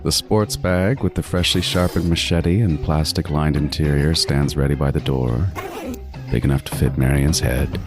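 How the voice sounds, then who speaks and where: A man acts a cold, obsessive killer in an extremely deep voice, narrating his own horror story in the first person as audio drama. Deliberate, brooding and methodical, he gloats with quiet menace in fairly even intonation over clear background music.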